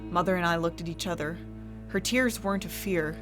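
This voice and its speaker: Gothic horror storyteller played by a woman: earnest haunted brother, low haunting measured delivery, prominent music bed. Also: lightly acted. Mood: hushed dread. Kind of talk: dramatic first-person horror story narration. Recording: music behind the voice.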